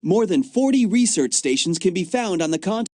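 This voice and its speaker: A jokey young gadget agent. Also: male voice, sits high, lively intonation, fairly quick, a little mellow, slight background noise. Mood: eager. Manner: chatty, jokey, enthusiastic. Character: upbeat young male agent, gadget-loving joker. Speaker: game character, field agent. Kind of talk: video game voice acting. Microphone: dry studio mic.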